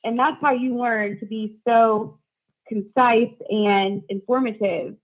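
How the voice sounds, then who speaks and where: Woman, live stream caller, muffled phone-like sound, higher pitch, casual political talk, rambling, halting. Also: fairly even intonation. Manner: rambling, halting, searching for words. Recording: muffled, narrow phone-like call audio.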